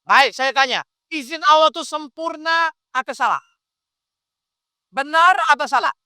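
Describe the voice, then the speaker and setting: A man's voice: very high voice, moderate pace, dry recording, studio quality. A man preaching an interactive sermon, asking his listeners question after question as he explains. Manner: animated, quizzes the audience with questions.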